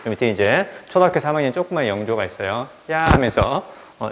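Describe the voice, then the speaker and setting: A man's voice: mid-range voice, big-room sound. A male teacher telling a childhood story in a lecture, acting out the people he quotes. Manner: animated, acts out quoted voices. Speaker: English teacher.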